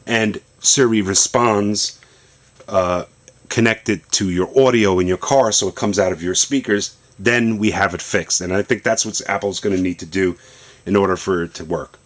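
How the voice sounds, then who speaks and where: A man casually demonstrating a phone setup in his basement, explaining loosely as he goes. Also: low voice. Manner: relaxed, explanatory, loosely rambling. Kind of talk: casual product demo. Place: home basement.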